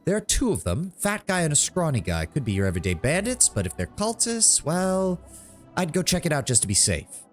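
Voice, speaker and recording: A man voicing an energetic female scout in a fantasy game, reporting in a folksy, plain-spoken way. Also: a little high, brisk, soft background music, pitched above the performer's own voice. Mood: wary, matter-of-fact. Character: brisk, energetic female scout reporting trouble to her commander. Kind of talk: fantasy game dialogue read aloud.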